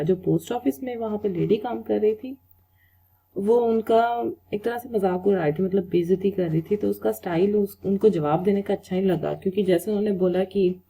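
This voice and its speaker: A woman teaching French in a casual spoken lesson, explaining slowly and repeating each word for pronunciation. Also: on the low side, warm tone, breathy edge.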